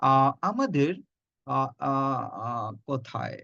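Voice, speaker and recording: A man's voice: mid-range voice, sing-song, creaky, bright, forceful tone, no room sound, dull audio. A middle-aged man with a Bangladeshi accent, teaching pronunciation in an online lesson and drilling words sound by sound. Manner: repeats words slowly in drills, spells out sounds. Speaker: phonetics lecturer. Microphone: video call.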